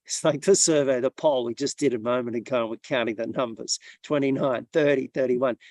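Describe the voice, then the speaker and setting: A man on an online webinar panel, explaining his points in a measured way with a few restarts. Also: medium pitch, fairly even intonation, darkish tone, no echo. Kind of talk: casual online webinar talk.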